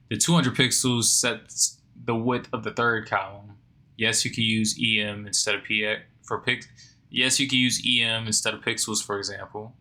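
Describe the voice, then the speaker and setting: A sleepy man talks his way through a coding lesson in a slow, bright, somewhat low voice. He reads passages aloud and then questions himself, while keyboard typing and mouse clicks sound behind him. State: sleepy, yawning. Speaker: coding learner. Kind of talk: think-aloud coding tutorial.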